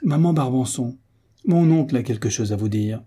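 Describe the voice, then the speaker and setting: A bold young soldier, read by a man in a storybook, lively and teasing. He is resolute and playful, with a dark, mellow, husky sound. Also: mid-range voice, moderate pace. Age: young adult.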